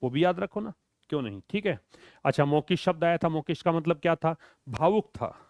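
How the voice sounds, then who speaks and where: A man's voice: fairly high pitch, lively intonation, a little fast, no room sound. A male teacher giving an exam vocabulary lesson, asking questions and answering them himself in a drilling way.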